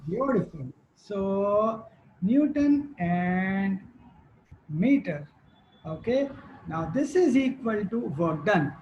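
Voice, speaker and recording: Slow-speaking teacher woman. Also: medium pitch, expressive, highs cut off, slight background noise. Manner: slow, quizzes students and repeats answers. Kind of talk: classroom lecture.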